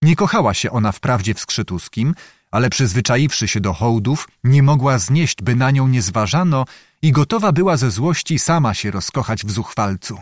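Man narrating an expressive audiobook. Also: mid-range voice, normal speed, dry recording, studio quality. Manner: expressive, theatrical storytelling. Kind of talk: scripted narration.

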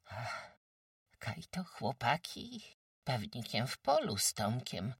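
A woman's voice: extremely low pitch, huge pitch swings, slow pace, breathy edge, dry recording, clean studio sound, far from the mic, exaggerated voice. A woman voicing a frail, sick old peasant woman who talks weakly and apologetically in rustic speech. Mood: anxious.

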